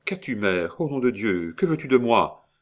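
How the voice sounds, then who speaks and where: A man voicing a young count, a grieving, guilt-ridden son, speaking quietly in an audiobook reading. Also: sing-song, moderate pace, natural voice. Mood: sorrowful. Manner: quiet, subdued, low-spoken. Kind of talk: audiobook reading of a classic novel.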